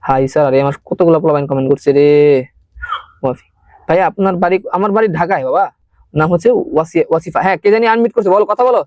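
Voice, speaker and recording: A young man teaching a live online science class, talking fast and chatty and mixing in English words. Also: a little high, a little mellow, dry recording, clean studio sound.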